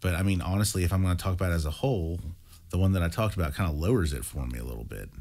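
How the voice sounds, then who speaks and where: A young man co-hosting a horror film review, measured and opinionated in a wry, casual chat. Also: low-pitched, darkish tone.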